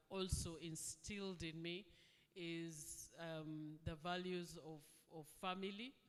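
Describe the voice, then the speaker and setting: Woman guest speaker, slow and even delivery, smooth clear voice, long hall reverb. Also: lowish voice. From Uganda. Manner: measured, reflective, many pauses and fillers. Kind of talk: fireside chat interview answers. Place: event hall.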